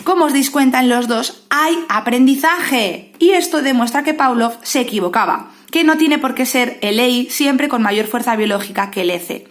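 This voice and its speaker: A woman with a Spain Spanish accent walks students through her class notes in a lively, familiar way, talking straight to them. Her voice sits high, and she keeps checking they follow with a quick "¿vale?". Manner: lively, says "¿vale?" often, addresses students as "os". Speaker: psychology tutor.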